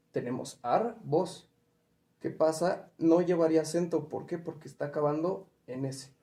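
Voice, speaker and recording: A man's voice: a little high, dark tone. Patient man explaining rules, echoey room. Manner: asks questions and gives examples. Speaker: teacher explaining spelling rules. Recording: roomy echo.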